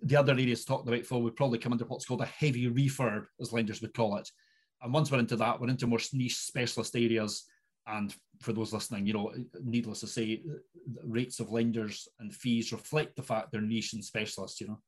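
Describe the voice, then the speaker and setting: A middle-aged man with a Scottish Highland accent, talking conversationally as an expert guest in an interview. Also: fairly even intonation, fairly quick, husky. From Inverness, Scottish Highlands.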